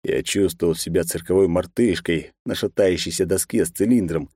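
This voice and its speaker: A man with a deep voice narrates a fiction audiobook in the first person. His reading is steady and expressive. The recording is close and dry, with no room sound. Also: moderate pace, breathy edge, no echo.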